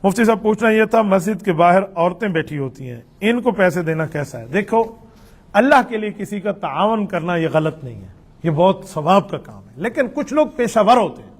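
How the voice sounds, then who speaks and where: A man's voice: high voice, very animated. A middle-aged man, a mufti, answering religious questions in a patient, conversational way, weaving in personal anecdotes. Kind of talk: religious Q&A with storytelling.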